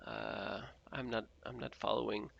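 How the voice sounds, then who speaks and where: A man's voice: on the low side, fairly even intonation, measured pace, creaky, a bit bright, breathy edge, highs cut off. A man from Mexico streaming a flight simulator, chatting casually and reading viewer messages aloud with frequent laughs. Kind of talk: casual live-stream commentary reading chat.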